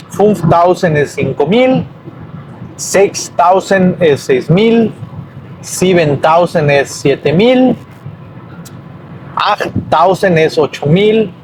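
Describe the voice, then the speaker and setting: A man teaches numbers in a casual video lesson. His voice sits fairly high and he talks slowly, pausing and correcting himself as he goes. A faint noise hums behind him. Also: darkish tone, rough recording. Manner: slow, hesitant, self-correcting. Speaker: language teacher.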